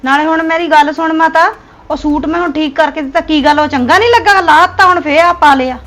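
A woman with a Punjabi accent playing a sharp-tongued daughter-in-law who scolds and dismisses her mother-in-law. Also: high voice, fast talker. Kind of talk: family drama acting.

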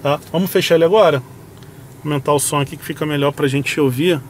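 A man's voice: on the high side, steady tone, fast. A Brazilian man doing a casual car vlog, thinking aloud informally as he checks out parked cars. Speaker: car reviewer. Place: in and around parked cars at an outdoor lot. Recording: clear car and outdoor ambient noise.

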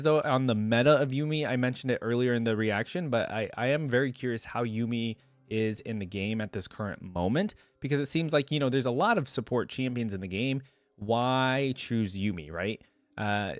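A medium-pitched male voice, recorded dry, belongs to a young reaction host who chats enthusiastically and drifts off topic a little. He speaks close into a desk microphone at a gaming setup in a small room.

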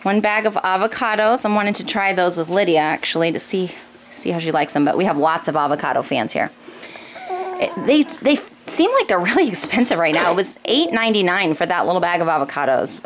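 This family vlogger, an American mother in her thirties, talks quickly and with lively intonation in a lowish voice. She's casually walking through a grocery haul, explaining each household item for her home vlog. Recorded on a close handheld camera indoors in a kitchen or dining room, the audio is noisy with room ambience.

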